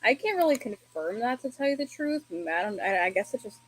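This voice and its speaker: Woman, high voice, casual stream chat, halting, lots of fillers. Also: lively intonation, a little hiss or hum, rough recording.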